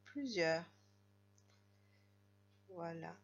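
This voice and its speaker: A woman with a French accent teaching a primary school reading lesson, speaking gently and patiently straight to a child at home. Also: on the low side, expressive, vocal fry, dull audio. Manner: slow, gentle, patient, addresses the child directly.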